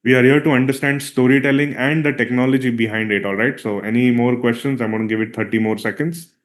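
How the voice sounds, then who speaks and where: A Marathi-speaking filmmaker and workshop presenter runs a live online workshop in a medium-pitched, fairly even voice, talking fast. His delivery is loose and conversational, full of "uh" fillers and frequent "all right?" checks to keep his audience with him.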